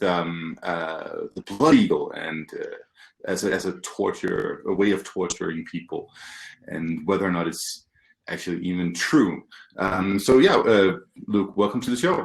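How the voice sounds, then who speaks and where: A man speaking as a podcast co-host in a hesitant, casual way, searching for his words. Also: low voice. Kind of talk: casual, halting guest introduction. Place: indoors on a video call. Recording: echoey room sound.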